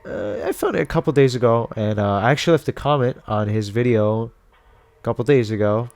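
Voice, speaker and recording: A video host and reviewer gives casual commentary and recommendations, rambling in an informal, conversational way. His mid-range, darkish voice is brisk with vocal fry, recorded dry.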